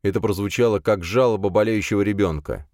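A man narrating an audiobook in an expressive storytelling manner. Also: on the low side, fast talker, dry recording, studio quality. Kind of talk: scripted narration.

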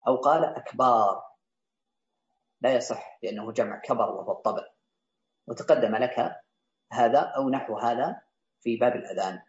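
Here a man teaches Islamic jurisprudence, reading a line from a classical text and then restating and explaining it to students. He speaks fairly quickly in a mid-range, slightly mellow voice. The sound is roomy and somewhat dull.

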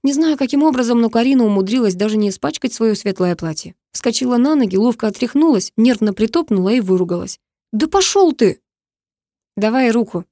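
A woman reads a first-person story aloud in an even, storytelling way. Her voice is mellow and warm, at a middling pitch, with a dry, close sound. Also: fast, few pauses, no room sound. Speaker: audiobook reader.

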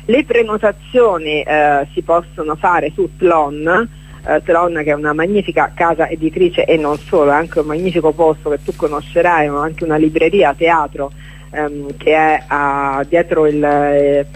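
On a chatty radio interview, a woman performer presenting a stage event speaks as a guest in broken, hesitant phrases, repeating words for emphasis. Her voice is low and steady at a normal speed, though the audio quality is poor.

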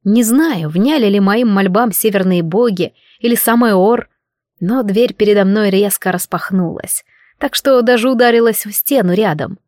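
A woman narrating a first-person novel as an audiobook, with a steady, even delivery. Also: mid-range voice, normal speed, no echo, studio quality.

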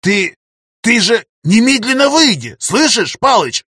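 A man with a husky voice voicing an elderly male professor who pleads and rises to near shouting. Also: mid-range voice, unhurried, dry recording, studio quality. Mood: pleading shout.

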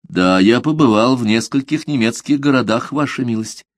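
A man voicing a devout male merchant who answers politely, measured and quietly firm, in an audiobook. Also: medium pitch, no echo, close to an everyday voice. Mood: composed. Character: calm devout male merchant under questioning. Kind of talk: audiobook character reading.

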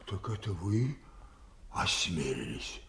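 An actor playing a proud, wounded old king in a classical audio tragedy, declaiming haltingly between hushed grief and thundering rage at his daughters. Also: low voice, very animated, gravelly, heavily acted. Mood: hurt, incredulous. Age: older. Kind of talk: Russian classical stage tragedy acting, audio play. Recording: roomy, echoing studio audio play.

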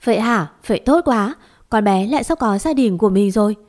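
A woman's voice: mid-range voice, expressive, a little fast, darkish tone, close to an everyday voice. A woman voicing a comforting older village man who welcomes guests and reassures his wife.

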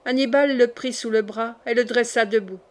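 A woman narrating a classic novel as an audiobook, in an even, measured storytelling voice. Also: on the high side.

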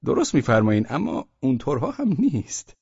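Voicing a stammering, hedging official for an audiobook, this man gives a full character performance: flustered and evasive, high-pitched and pleading as he insists. His voice is creaky, slightly rough and a little mellow, with huge pitch swings, captured in dull, dry audio without echo.

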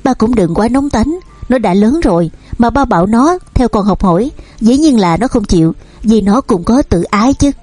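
A woman reading as a calm, gentle eldest son. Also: on the high side, normal speed, dry recording, faint music behind. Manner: soft-spoken, gentle, calm. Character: calm, warm eldest son, a young man.

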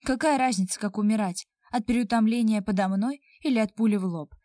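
Domineering, mocking young boss barking orders, read by a woman, dry close sound, middle pitch. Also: a little fast, dark tone, no echo, natural voice. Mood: commanding. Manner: commanding, mocking.

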